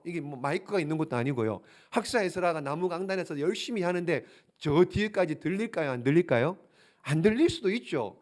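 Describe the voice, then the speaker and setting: A man with a notably high voice preaches to his church, pressing the congregation with question after question. His delivery is emphatic and grows fervent and pleading as he drives each point home. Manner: asks the congregation many rhetorical questions. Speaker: pastor. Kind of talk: sermon. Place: church sanctuary.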